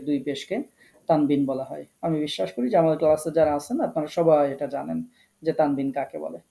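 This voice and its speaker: A man's voice: fairly high pitch, warm tone. A man from Bangladesh teaching an online Quran recitation class, patiently repeating the rules and drilling pronunciation.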